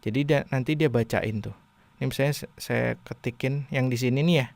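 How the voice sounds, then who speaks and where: A man from Indonesia teaching English in a casual video lesson, chatting with many fillers and reading lines slowly before translating them. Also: medium pitch, vocal fry, darkish tone, no echo.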